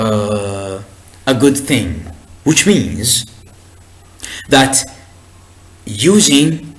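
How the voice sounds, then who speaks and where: A native Arabic-speaking man with a medium-pitched voice gives a recorded lecture, explaining things deliberately while often hesitating and restarting.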